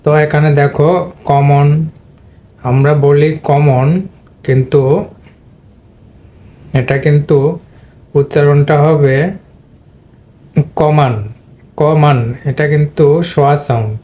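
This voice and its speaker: Flat-voiced man teaching English pronunciation. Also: fairly high pitch, unhurried, long pauses. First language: Bengali. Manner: explains step by step, addresses viewers directly; clears his throat now and then. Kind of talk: spoken pronunciation lesson.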